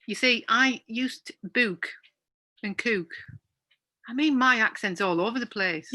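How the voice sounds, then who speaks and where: In a relaxed podcast chat, this middle-aged co-host from North East England speaks unhurriedly in a slightly high, sharp voice. Her North East accent leans toward Yorkshire, and she's teasing and disbelieving, often breaking into laughter.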